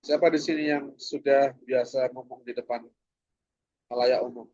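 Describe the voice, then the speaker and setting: A man's voice: mid-range voice, steady tone, normal speed, darkish tone, dull audio. A man teaching a preacher training class online, asking rhetorical questions and tagging his sentences with "ya". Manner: rhetorical questions, frequent "ya" tags.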